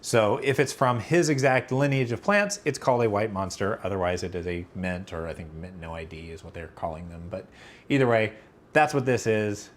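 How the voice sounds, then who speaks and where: Rambling low-voiced man. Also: moderate pace, slight background noise. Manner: rambling, filler-heavy, self-correcting. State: allergies, about to sneeze. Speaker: livestream host answering chat. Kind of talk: casual livestream Q&A.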